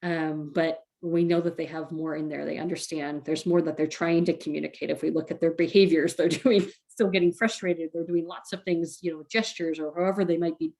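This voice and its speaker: A woman speech therapist presents a recorded webinar for parents. She talks in a casual, chatty way, full of fillers and quick little laughs. Her voice sits a bit low. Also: little pitch movement, darkish tone.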